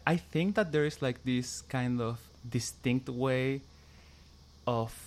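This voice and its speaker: With a darkish tone and medium pitch, a Chilean musician talks slowly through casual English interview answers and a read passage. His Chilean Spanish accent is present, and he hesitates, fills pauses with "like," and enunciates each sound with care.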